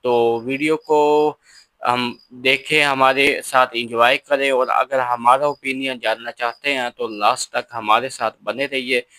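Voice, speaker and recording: Bright-voiced man hosting a reaction video. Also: medium pitch, fairly even intonation, unhurried, dry recording. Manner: chatty, asks viewers to subscribe. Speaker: reaction channel host. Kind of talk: casual video intro.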